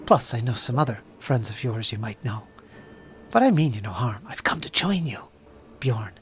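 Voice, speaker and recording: A man voicing a friendly, tattooed female elf adventurer in a tabletop game, speaking calmly and courteously, sometimes in a whisper. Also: mid-range voice, moderate pace, slight background noise, close to an everyday voice. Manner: calm, courteous, at times whispered.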